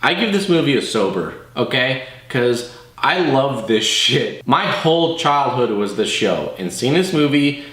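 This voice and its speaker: A man's voice: medium pitch, big pitch swings, a little slow, a bit bright. Sweary, slangy man in an echoey room. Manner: profane, slangy fan enthusiasm. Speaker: co-host of a movie review show. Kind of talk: casual review chat.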